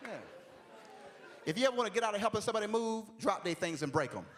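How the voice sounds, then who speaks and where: A man in his forties works a church crowd as a stand-up comedian. His voice sits high for a man and swoops up and down as he talks, loose and chatty, with a drawling, streetwise turn of phrase. He keeps checking in with "you know what I'm saying.". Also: animated, fast talker, slight background noise. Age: 40s. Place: church stage.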